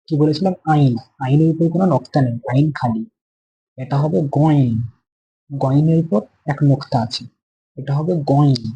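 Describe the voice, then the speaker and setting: Patient male Quran teacher, mellow. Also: fairly high pitch, husky, highs cut off. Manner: patient, repeats each letter slowly; asks questions and answers them himself. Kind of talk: beginner Arabic letter lesson.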